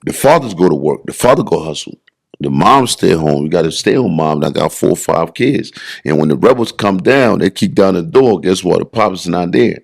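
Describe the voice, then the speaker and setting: Man, 40s, very deep voice, slangy, casual podcast guest. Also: animated, normal speed, gravelly. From Liberia. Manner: loose slangy hype talk. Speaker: guest bodybuilder.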